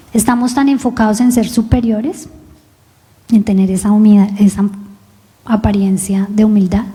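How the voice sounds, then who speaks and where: A woman pastor preaching a sermon, telling a self-mocking personal story in a lively way. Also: mid-range voice. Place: church service in a rented hall. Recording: long reverb of a hall.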